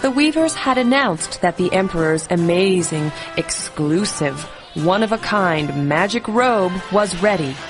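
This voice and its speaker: Female storyteller, slightly low register, expressive bedtime-story narration for children over background music. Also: a little slow, few pauses.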